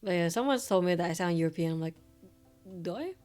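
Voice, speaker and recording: Fast and lively in intonation, a young Australian woman's slightly mellow, lowish voice carries a rambling stream chat full of fillers and casual swearing, over soft background music.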